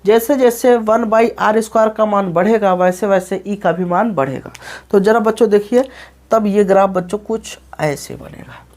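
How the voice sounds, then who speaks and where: A man's voice: high-pitched, normal speed, darkish tone. A male physics teacher lecturing a class, who repeats himself, asks questions and answers them, and often checks that the students follow. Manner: calls the students "children" and checks "okay?" often. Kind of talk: classroom lecture explaining graphs.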